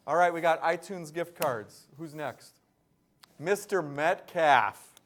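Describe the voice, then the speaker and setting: A man doing live school morning announcements, upbeat and rattling off long lists of names with bursts of excitement. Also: on the high side, slow pace.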